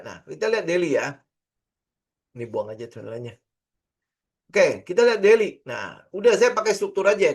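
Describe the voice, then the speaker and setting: A middle-aged man talks through a casual trading lesson. His voice sits a little high, and he keeps it loose and chatty, full of fillers and rhetorical questions. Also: husky. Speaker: trading instructor. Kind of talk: casual screen-share lesson.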